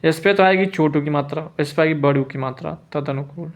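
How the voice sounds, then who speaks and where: A man teaching spelling in a lesson, repeating each word slowly and checking in with the listener. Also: a little high, muffled recording.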